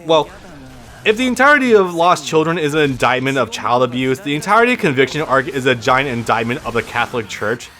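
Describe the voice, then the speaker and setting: A man's voice: medium pitch, sing-song, fairly quick, bright, forceful tone. A man with a lisp giving casual, rambling gameplay commentary as a let's play host, swearing freely and restarting his sentences often. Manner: rambling, profane, frequent restarts.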